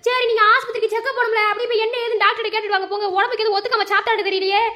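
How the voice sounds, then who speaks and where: A fretting mother-in-law, played by a woman, scolds and fusses at a rapid clip. Her voice is very high and bright, in an amateur family skit. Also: level tone. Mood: fussing, scolding. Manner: scolding, fussing chatter.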